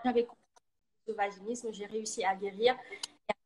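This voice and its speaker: A woman coach speaking earnestly in short, halting phrases, her voice breaking up over a choppy live video stream from a phone. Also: medium pitch, steady tone. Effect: choppy live-stream audio cutting in and out. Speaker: coach for women. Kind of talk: live video chat testimony. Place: at home on a noisy street with roadworks.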